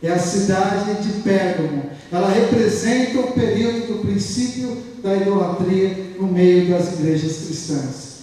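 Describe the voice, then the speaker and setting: A man with a Brazilian Portuguese accent preaches a fervent sermon, hammering his points through repetition. His voice sits very high for a man. It's picked up from a distance in a long, echoey church hall. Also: a little slow, hardly any pauses, dark tone. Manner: fervent, repeats phrases for emphasis.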